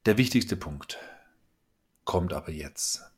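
A middle-aged man hosts a motivational podcast in a low, husky voice. He speaks straight to the listener with emphatic, coaching conviction. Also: lively intonation, takes it slowly. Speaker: podcast host.

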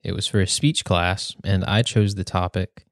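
A young man hosting a podcast, reading a prepared speech in a measured, earnest way. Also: low voice, steady tone, no echo, clean studio sound. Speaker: podcast host.

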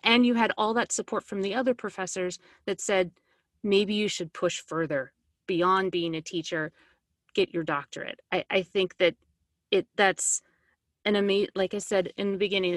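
A woman's voice: lowish voice, no echo, clean studio sound. A woman hosting an interview, supportive and affirming toward her guest. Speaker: interview host. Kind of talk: interview conversation.

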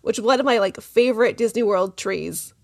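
A woman co-hosting a podcast in casual chat, gushing and animated about what she loves. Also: a little high, fairly quick, vocal fry, no room sound, clean studio sound. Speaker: podcast co-host.

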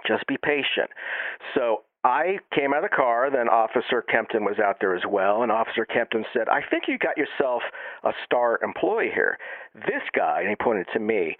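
A man telling an absurd story in a deadpan, matter-of-fact comic manner. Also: mid-range voice, dry recording, phone-quality sound.

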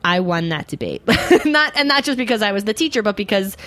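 Female talk host, mid-pitched, animated and jokey, happy to argue a point conversationally. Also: fairly quick, dry recording. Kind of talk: casual talk show chat.

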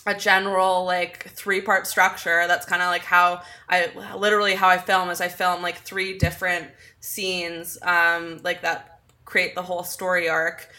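Bright giggly young woman guest. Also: lowish voice, level tone, measured pace. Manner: giggly, filler-heavy. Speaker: podcast guest. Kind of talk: casual interview chat.

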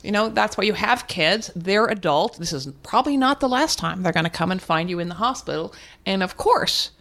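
With a medium-pitched, fairly bright voice and lively intonation, an older woman speaks fairly quickly as a guest in a candid interview. She's reflective and frank, restarting sentences at times and laughing occasionally.

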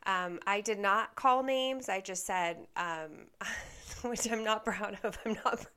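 A woman's voice: mid-range voice, takes it slowly, pushed and bright, clear, resonant tone. A woman vlogger telling a personal story in a candid, self-deprecating way, laughing at herself. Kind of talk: storytime monologue.

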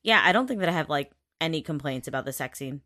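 A woman's voice: low-pitched, fast talker, no echo. Woman podcaster giggling and teasing her cohost, dead dry close mic. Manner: giggly, teasing, excited outbursts. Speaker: podcast co-host. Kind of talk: casual recap chat.

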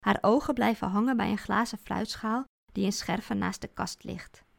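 A woman reading a first-person story aloud, expressive with a deadpan sense of humour. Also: mid-range voice, normal speed, gravelly.

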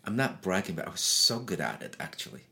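An older man whose first language is not English, telling lively stories from his life in a casual interview and acting out the voices of people in them. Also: low voice, fast talker, vocal fry. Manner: animated, acts out voices in his stories, laughs often. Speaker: interview guest. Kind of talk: casual storytelling.

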